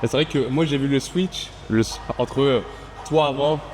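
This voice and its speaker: A man in casual conversation, a fellow content creator, relaxed and with many fillers. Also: mid-range voice, normal speed, faint music behind.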